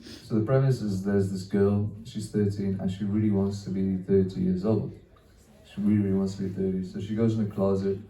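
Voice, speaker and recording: A young Welsh comedian, heard from a distance in an echoey small comedy venue, has a low, warm voice delivered flatly and fairly quickly. His stand-up set is rambling and self-deprecating, laced with swearing and trailing off into laughs.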